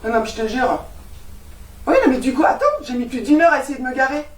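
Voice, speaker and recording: On a stage, an actress plays a new tenant, an exasperated young woman who is sharp-tongued and ironic, in a stage comedy. She talks fast in a high, natural voice, and the echoey stage sound comes from far off with slight background noise.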